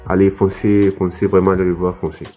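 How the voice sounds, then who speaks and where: Young French male vlogger, casual anime review, halting delivery, low warm tone, soft music under. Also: level tone. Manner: hesitant, many fillers and restarts. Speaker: anime YouTuber.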